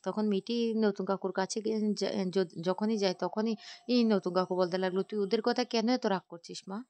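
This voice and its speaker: A woman retelling a TV serial episode, quoting each character's lines in a rapid run-on narration with frequent fillers and restarts. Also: medium pitch, steady tone, warm tone, dry recording. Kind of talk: fast spoken plot retelling with quoted dialogue.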